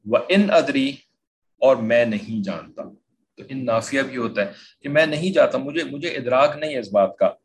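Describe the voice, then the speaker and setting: A man's voice: medium pitch, slight background noise. A man teaching the meaning of Quranic verses word by word, often asking if his listeners follow and mixing in English words. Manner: repeats "theek hai" to check understanding, mixes in English words.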